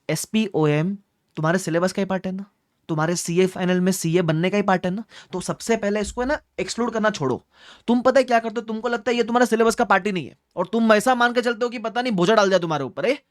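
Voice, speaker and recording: A man's voice: high-pitched, no room sound, clean studio sound. A young man coaching exam students, talking directly and like an older brother, often checking that they follow. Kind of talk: advice talk to students, mixing in English phrases.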